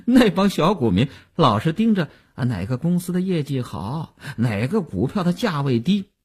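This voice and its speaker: A man's voice: mid-range voice, huge pitch swings, measured pace, breathy edge, heavily acted. A man reading a radio novel aloud, voicing a boastful, self-satisfied male stock speculator who chuckles and coaxes. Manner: bragging, chuckling, coaxing.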